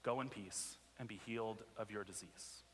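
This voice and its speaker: A man's voice: fairly low pitch, normal speed, long reverb tail. A man preaching a sermon as a pastor, telling stories animatedly and asking the congregation rhetorical questions. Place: church sanctuary.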